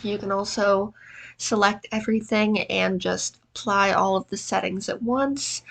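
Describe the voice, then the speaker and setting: A woman's voice: medium pitch, fairly even intonation, measured pace, vocal fry, a bit bright. A tired, exhausted-sounding woman with allergy congestion narrates a tutorial in a casual, self-deprecating way. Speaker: video editing tutorial presenter.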